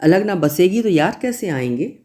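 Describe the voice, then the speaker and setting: A spiteful village sister-in-law taunts with sharp words in a storybook reading, voiced by a man. The voice is lifted in pitch with a soft, mellow timbre. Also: sing-song, moderate pace.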